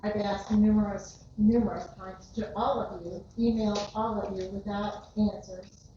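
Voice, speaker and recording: A woman resident makes a pointed complaint at public comment, her voice flat and even. She is picked up from a distance in a very echoey room. The recording is muffled and noisy. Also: medium pitch, moderate pace.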